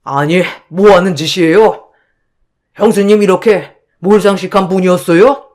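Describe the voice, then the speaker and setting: A woman's voice: medium pitch, unhurried, darkish tone, natural voice. A woman voicing an indignant young husband who speaks sternly and reproachfully.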